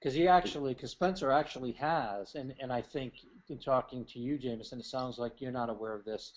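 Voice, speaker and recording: A man giving feedback as an academic thesis advisor, measured and halting, repeating phrases for emphasis. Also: medium pitch. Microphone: remote call. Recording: dull call audio with noticeable noise.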